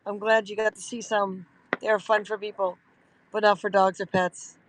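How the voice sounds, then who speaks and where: A woman's voice: mid-range voice, little pitch movement, moderate pace, slight background noise, poor audio. A woman hosting a casual livestream from a car, chatting in a rambling way with lots of fillers. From Canada. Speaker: livestream host. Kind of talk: casual live chat while riding in a car. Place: in a car at night.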